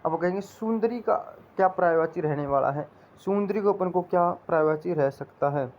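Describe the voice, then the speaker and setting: Over dull, lo-fi audio, a fairly quick, high-voiced man runs an exam-prep lecture, repeating material in a drilling style and sharing mnemonics to help students remember.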